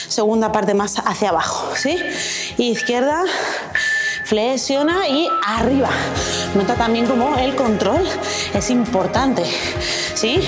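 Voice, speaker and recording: High-voiced Spanish woman urging on a workout. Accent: Castilian Spanish from Spain. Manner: urging, motivational, short exclaimed commands. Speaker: fitness coach leading a workout. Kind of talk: workout class instruction with counts and cues. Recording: music playing behind the voice. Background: loud workout music.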